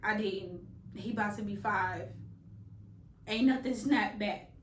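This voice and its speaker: A woman's voice: mid-range voice, takes it slowly, a little hiss or hum. A woman, chatting candidly and playfully in a casual vlog with slangy asides. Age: late 20s. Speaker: vlogger. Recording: echoey room.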